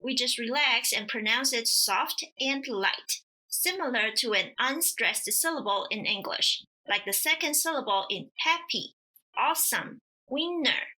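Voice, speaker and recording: A woman gives a scripted pronunciation lesson at an unhurried, deliberate pace. Her voice sits a little high and sounds bright and clear. She shapes each word carefully, like a patient teacher. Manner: slow, careful, demonstrative delivery. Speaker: language teacher.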